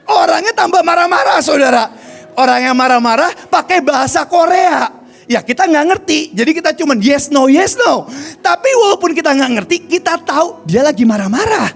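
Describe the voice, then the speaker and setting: A man preaching a sermon, telling a personal story and often calling his listeners "brothers and sisters", dropping to a hush and then rising to shouts. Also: very high voice, animated, normal speed, gravelly, soft background music. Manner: storytelling, addresses listeners as "saudara", swings from hushed to shouting. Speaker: evangelist preacher.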